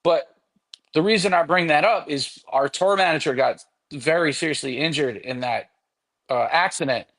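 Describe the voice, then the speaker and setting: Animated, profane storyteller, fairly high voice. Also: male voice, normal speed. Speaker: podcast guest musician. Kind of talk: casual anecdote telling.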